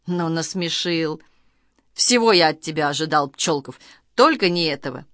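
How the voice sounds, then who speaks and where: A woman's voice: low voice, expressive, normal speed, a bit bright, no room sound, clean studio sound. A woman reading aloud, voicing a jolly middle-aged male police officer who teases and orders kids about. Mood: amused, mocking.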